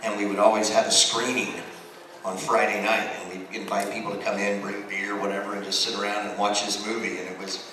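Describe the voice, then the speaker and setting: A man's voice: fairly low pitch, a little fast. An American man speaking as a voice actor on a convention panel, telling anecdotes informally and acting out bits of dialogue. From United States. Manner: animated storyteller, acts out dialogue. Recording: very echoey hall, distant mic, noisy.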